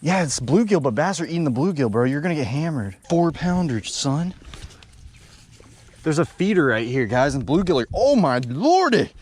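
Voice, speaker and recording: Excitable young man fishing outdoors. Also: fairly high pitch, normal speed, slight background noise. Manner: excitable, slangy, bursts into shouts. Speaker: fishing vlogger. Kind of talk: excited outdoor vlog commentary. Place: outdoors at a pond bank.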